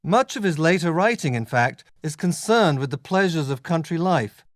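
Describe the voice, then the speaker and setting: A man playing a measured, scholarly literature lecturer, giving a scripted academic lecture to a class in a deliberate, explanatory way. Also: fairly high pitch, expressive, no echo, studio quality, lightly acted.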